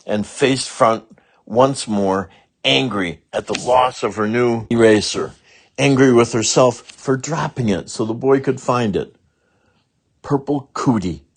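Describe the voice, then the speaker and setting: A man with a fairly low, breathy-edged voice narrates a children's storybook read-along expressively, putting dramatic emphasis on words.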